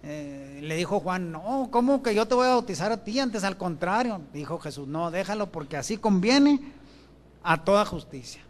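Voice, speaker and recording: A man's voice: high voice, big pitch swings, moderate pace. A man preaching a sermon. He reads scripture aloud and keeps asking and answering his own questions. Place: church with benches. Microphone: handheld or stand microphone.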